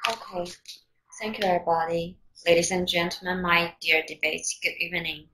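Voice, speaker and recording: A woman from China leading the affirmative team in a student debate, speaking formally and deliberately. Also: fairly low pitch, level tone, background noise. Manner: careful and deliberate, formal addresses.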